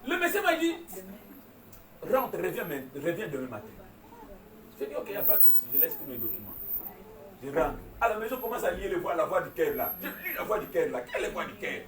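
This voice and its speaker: A man preaching a sermon as pastor, animated, with call-and-response and laughing asides. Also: a little high, a little fast, pauses often, background noise. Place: large church hall. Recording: echoey church hall, far from mic, congregation. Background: congregation responding.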